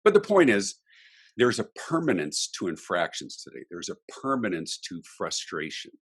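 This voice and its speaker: A man's voice: sits low, wildly swooping pitch, moderate pace, husky. A middle-aged man, a guest speaker on a podcast, talking emphatically in a ranting, example-filled way. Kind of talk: animated interview talk.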